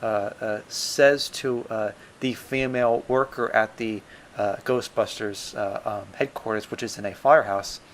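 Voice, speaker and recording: A man's voice: lowish voice, fairly even intonation, measured pace, slight background noise. A man playing a polite interviewer in an improvised comedy sketch, fumbling through his questions with many fillers.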